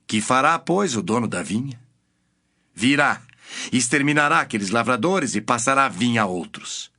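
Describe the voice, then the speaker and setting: An actor playing Jesus as an authoritative teacher in a dramatized scripture reading, speaking in a solemn, emphatic, declamatory manner. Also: male voice, mid-range voice, expressive, moderate pace, sharp tone. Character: Jesus, authoritative male teacher answering challengers with parables.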